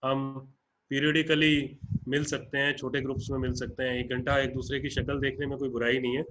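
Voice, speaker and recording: A man's voice: mid-range voice, flat delivery, fairly quick, fairly bright tone, slight background noise, rough recording. A man with an Indian accent speaks to partner groups in an online webinar, earnest and plain-spoken, slipping English phrases into his talk. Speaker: founder addressing partner groups. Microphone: video call.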